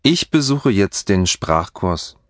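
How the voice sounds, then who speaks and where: A man reading scripted textbook dialogue for a language course with slow, careful enunciation. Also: fairly low pitch, sing-song, dry recording, clean studio sound.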